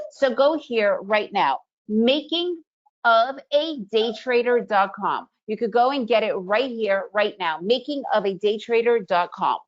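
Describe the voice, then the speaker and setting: Here the dull recording carries a fairly high female voice. Born in the Soviet Union, raised in the US, and a Russian speaker, she presents a webinar in a cheerful, talkative way, repeatedly tagging her points with "right?"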